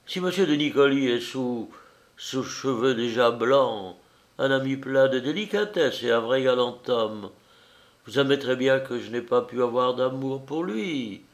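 A man reading the lines of a passionate, seductive married woman who is torn between duty and desire, in a raised, impassioned voice. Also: mid-range voice. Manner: impassioned, pleading.

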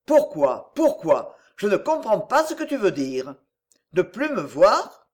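A woman's voice: mid-range voice, big pitch swings, takes it slowly, a little mellow. A woman reading the lines of a bewildered, worried father, who asks puzzled, pleading questions.

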